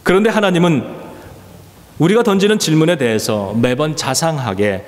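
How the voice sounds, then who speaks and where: A man pastor delivering a sermon in earnest storytelling, often pausing with filler sounds. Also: fairly high pitch, big-room sound. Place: church sanctuary.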